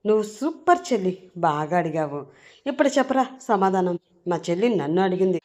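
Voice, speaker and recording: A woman's voice: fairly low pitch, sing-song, a little fast, a little mellow. A playful older brother teases his friend with a laugh in his voice, as a woman narrator puts him on. The delivery stays light and mocking in this audio story reading. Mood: teasing. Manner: teasing, laughing. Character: young man, teasing laughing older brother.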